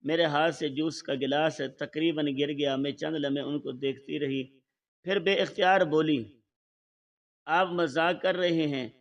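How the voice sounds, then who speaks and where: Male narrator for a scripted story, steady measured read, slightly high voice. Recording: voice slightly far from the mic.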